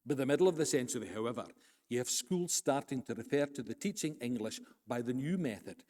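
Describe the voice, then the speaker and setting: A man's voice: medium pitch, a little mellow. Man lecturing in a reverberant hall. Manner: measured, formal reading with dry asides. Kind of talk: live public lecture read from a prepared text. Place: lecture hall, recorded live.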